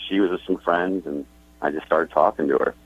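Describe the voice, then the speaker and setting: A man's voice: deep voice, steady tone, a little fast, husky. A man calling into a radio show, sheepish and hesitant as he admits an awkward mistake. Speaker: caller. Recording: dull phone line.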